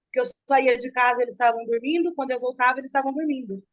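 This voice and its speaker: A middle-aged woman telling a painful personal story in an interview, slow and earnest, often stopping and repeating words. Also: high voice, steady tone. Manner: halting, with restarts and repeated words. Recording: dull, muffled recording.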